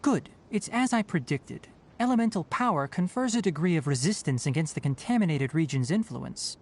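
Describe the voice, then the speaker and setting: Calm scholarly young researcher, lively intonation. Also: male voice, on the high side, slight background noise. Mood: calm, analytical. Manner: measured, articulate, explanatory. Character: calm scholarly young male forest researcher, precise and patient. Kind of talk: video game voice acting, scripted dialogue. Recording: game audio with background music. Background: game music.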